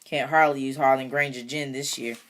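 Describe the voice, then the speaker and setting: A woman's voice: rumbling low, fairly even intonation, brisk, a bit bright. A woman reading aloud voices a proud, injured farmer father who talks bluntly and firmly. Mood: grave. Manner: blunt, firm.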